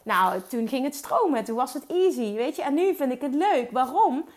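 A woman hosting her own podcast, giving an energetic motivational talk about business and sprinkling in English words. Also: sits high, moderate pace. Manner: energetic, mixes English words into Dutch, emphatic repetition. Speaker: podcast host and business coach.

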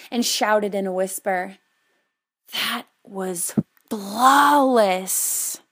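A woman in her twenties delivering a prepared personal speech, telling a story with measured, dramatic pauses. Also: mid-range voice, a little mellow. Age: 20s. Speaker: speaker.

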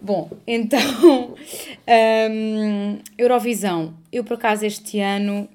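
Portuguese woman podcaster in her 30s, tells stories lively, swears a lot, casual chat. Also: mid-range voice, takes it slowly. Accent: European Portuguese. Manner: lively storyteller, swears freely. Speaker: podcast host.

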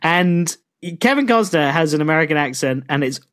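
Casual podcast cohost, rambly and jokey, lively up and down voice, swears a bit. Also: medium pitch, a little fast, clear, resonant tone. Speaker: podcast co-host. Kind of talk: casual chat.

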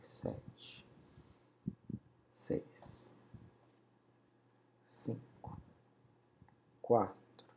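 A man slowly guiding a hypnosis session, counting down in a soothing voice that often sinks to a whisper. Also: fairly low pitch, gravelly, dark tone, a little hiss or hum. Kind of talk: guided hypnosis induction.

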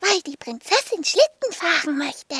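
An eager little dragon from a children's storybook, as a woman puts him on, calling out with bright, high excitement. The voice leaps around lively and sits close and dry. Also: normal speed, no echo, heavily acted. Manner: shouting eagerly. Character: small brave male dragon, eager.

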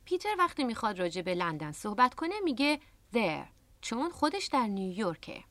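A woman with a somewhat high, animated voice hosts a radio language lesson. She explains each word patiently and step by step. The sound is close and dry, straight from a studio microphone. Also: dry recording. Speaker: English teacher and radio host.

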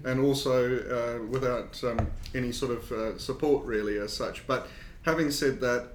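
On a podcast, a South African-accented man who works as a consulting engineer talks in a relaxed but unsure manner, full of fillers and false starts, his tone steady and his pace moderate. Faint rumble and room echo can be heard in the recording.

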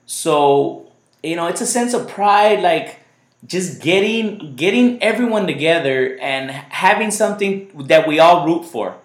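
In an echoey room, a man hosts a relaxed podcast chat, speaking unhurriedly in an expressive, slightly high voice. He is from the United States, grew up with Spanish as his first language, and tends to ramble and repeat himself.

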